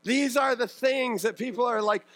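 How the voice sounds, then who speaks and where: A man's voice: very high-pitched, moderate pace, fairly bright tone, poor audio. A married man and father preaching a sermon in a conversational way, often acting out the voices of the people he quotes. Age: adult married parent. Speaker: pastor.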